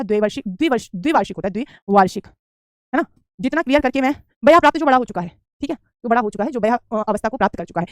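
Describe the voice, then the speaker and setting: Female tutor: quick, drilling delivery, keeps repeating answers, very dry recording. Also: on the high side, no room sound. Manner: answers student questions, says "beta" often; repeats correct spellings for drill. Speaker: Hindi teacher. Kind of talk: online exam-prep class.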